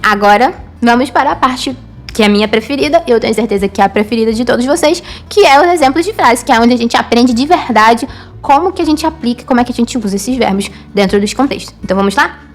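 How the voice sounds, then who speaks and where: A woman teaching an online language lesson, patient and explanatory, slowly repeating each word for her students. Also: a little high, faint music behind. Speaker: Hebrew teacher.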